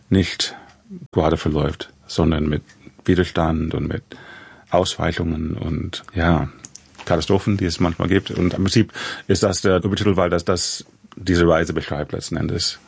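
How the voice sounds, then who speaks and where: Deep gravelly man. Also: no room sound. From USA. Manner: thoughtful, halting, with many restarts and fillers. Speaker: composer. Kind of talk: interview conversation.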